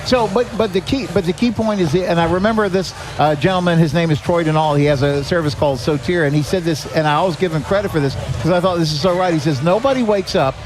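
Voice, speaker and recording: An older American man with a higher-pitched voice talks fast with hardly any pauses, earnest and conversational as a guest on a live podcast at a restaurant. He's the executive director of a senior help organization, sharing anecdotes and acting out bits of dialogue while music plays behind him.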